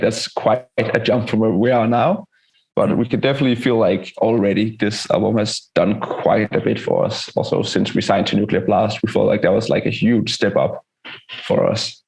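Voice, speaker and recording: A man with a gravelly voice, laid-back and a little hesitant, chatting casually in an interview as a band musician. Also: fairly low pitch, a little mellow, low-quality recording. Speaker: touring metal band musician being interviewed.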